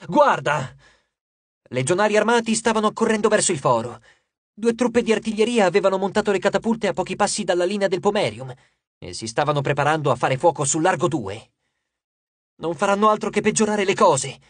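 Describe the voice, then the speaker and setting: A man narrating an audiobook in a steady, expressive storytelling manner on a close mic. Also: sits high, dry recording.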